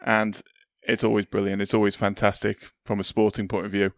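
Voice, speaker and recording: A man's voice: fairly low pitch, monotone, a little fast, no room sound, clean studio sound. A man chatting casually as a podcast host. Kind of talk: casual chat.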